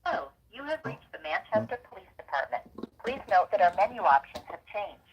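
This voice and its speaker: A woman's recorded phone message reading out menu options in a measured announcing manner. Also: medium pitch, very animated, gravelly. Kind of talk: automated phone menu prompts. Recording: muffled phone line.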